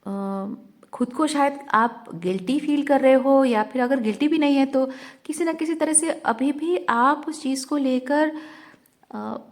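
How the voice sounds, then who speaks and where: Woman, intuitive reader. Slightly high voice. Slow, searching spiritual guidance monologue. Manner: slow, searching, mixes Hindi and English.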